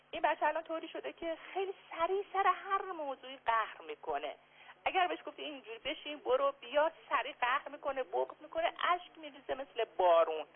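An older woman from Shiraz phones in to a radio program. She speaks politely and haltingly, filling pauses with soft hesitations, and her voice comes through a thin, tinny phone line. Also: high-pitched, breathy edge. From Iran (Shiraz). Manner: polite, hesitant, many fillers. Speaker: caller. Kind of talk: call-in question on radio.

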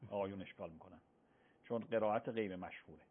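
A cleric on a radio call-in show patiently explains religious rulings, often affirming with repeated yeses. His voice is lowish, the audio has a phone-like broadcast quality, and there's slight background noise.

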